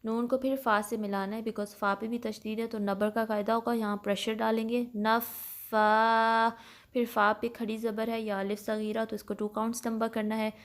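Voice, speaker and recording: A woman teaching Quran recitation rules, explaining each sound patiently, switching between Urdu and English and reciting examples slowly. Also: on the high side, flat delivery. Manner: slows and recites Arabic examples louder. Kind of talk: tajweed lesson mixing Urdu and English.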